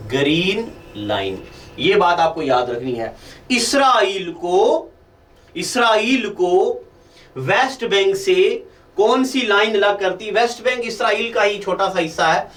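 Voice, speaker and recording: Male tutor, high voice, drilling students with repeated questions, recorded from a distance. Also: lively intonation, normal speed, a bit bright, reverberant, slight background noise. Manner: addresses students as children, asks and repeats answers. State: fasting, low energy. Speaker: teacher. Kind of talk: online exam-prep lecture.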